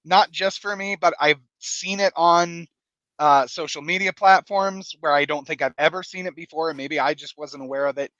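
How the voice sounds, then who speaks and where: A man's voice: on the high side, moderate pace, bright, forceful tone, dry recording, muffled recording. A man co-hosting a casual movie podcast, eager and playful, often jumping in. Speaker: podcast co-host.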